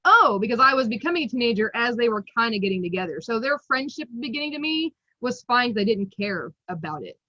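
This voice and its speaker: Thirties woman, bright and a touch high, giggly casual guest talk, muffled dry video-call sound. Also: lively intonation, fast talker, hardly any pauses, no echo. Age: 30s. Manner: giggly, laughs often between thoughts. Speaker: guest collector. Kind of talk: casual interview chat.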